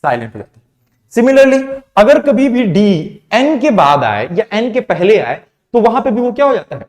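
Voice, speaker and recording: A man's voice: high-pitched, big pitch swings, normal speed, a little mellow. A young man from India teaching pronunciation in a classroom lesson, asking questions and answering them himself. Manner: asks questions then answers them himself, mixing Hindi and English.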